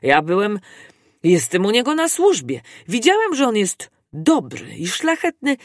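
Picture an excitable young manservant, tipsy on brandy, his voice jumping high above the narrator's own, as a reader puts him on. He cries out his loyalty in loud, heated bursts. The audiobook recording is close and dry. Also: unhurried, dry recording, natural voice. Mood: indignant. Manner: loud, impassioned outbursts.

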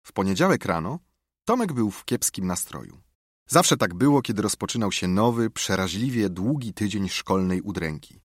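Expressive, husky male storybook narrator. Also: fairly low pitch, moderate pace, no room sound, studio quality. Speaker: audiobook narrator. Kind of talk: scripted narration.

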